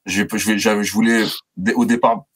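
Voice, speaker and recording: A man with a fairly low voice co-hosts a film podcast. He talks haltingly, with many fillers and restarts. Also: fairly even intonation, husky. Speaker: podcast co-host.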